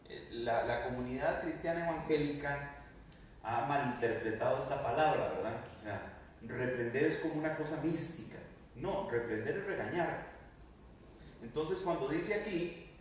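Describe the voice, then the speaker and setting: A man's voice: medium pitch, slight background noise. A male pastor preaches a sermon, asking the congregation questions and acting out quoted lines. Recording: very echoey room, mic at a distance.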